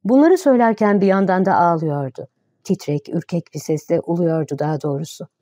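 A woman narrating a story in a steady, measured reading. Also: lowish voice, no room sound, studio quality. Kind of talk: audiobook narration.

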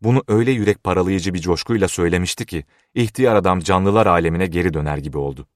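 A man narrating a novel in a measured, even storytelling manner. His voice is very deep. The recording is close and dry, with no room sound. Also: no echo. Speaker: audiobook narrator. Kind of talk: scripted narration.

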